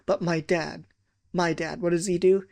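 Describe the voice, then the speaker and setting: A lively reader performing funny children's poems, voice middle-pitched. The delivery is expressive, with the lines acted out and sound effects thrown in. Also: normal speed, vocal fry. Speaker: poetry reader. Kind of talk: reading children's poems aloud.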